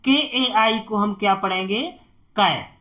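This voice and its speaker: A woman's voice: on the high side, measured pace, fairly bright tone. A woman teacher giving an online spelling lesson. She spells letters out syllable by syllable and answers her own questions. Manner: asks questions and answers them herself.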